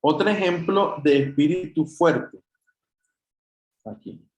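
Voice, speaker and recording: A man's voice: a little high, expressive, takes it slowly, a little mellow, reverberant, rough recording. A man teaching an online Greek class, explaining patiently step by step and addressing students as brothers, with a Chilean Spanish accent.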